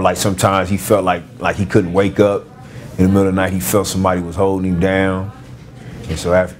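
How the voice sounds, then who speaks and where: Deep-voiced man with halting street-slang storytelling. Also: a little hiss or hum. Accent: Los Angeles street slang. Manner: halting, full of fillers and restarts. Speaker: former gang member telling his story. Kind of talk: casual storytelling.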